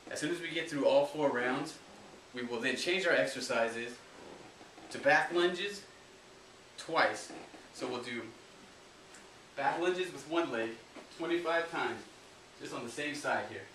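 A man's voice: mid-range voice, unhurried, sharp tone, distant mic. A man working as a fitness trainer, talking through a home workout with coaching cues. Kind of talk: workout instruction. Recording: roomy echo, off-mic, faint hiss.

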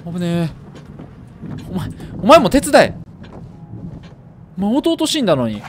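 A man's voice: high-pitched, wildly swooping pitch, unhurried, slight background noise. Jumpy Kansai-accented man gaming. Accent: Kansai Japanese. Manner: loud startled yelps and joking curses. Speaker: gamer. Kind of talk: horror game let's play commentary.

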